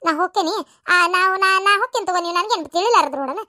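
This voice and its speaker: A woman's voice: very high-pitched, lively intonation, very fast, pushed and bright, no echo, studio quality, heavily acted. A woman voicing a worried, restless old grandmother with a North Karnataka Kannada accent in a cartoon story. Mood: fretful. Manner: fretful and pleading.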